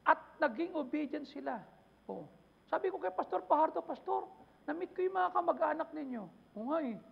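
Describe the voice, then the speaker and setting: A man's voice: very high-pitched, lively intonation, a little fast, creaky, lo-fi sound. A man preaching a sermon as pastor, impassioned, throwing out rhetorical questions. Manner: impassioned preaching mixing Tagalog and English, repeated rhetorical questions. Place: church.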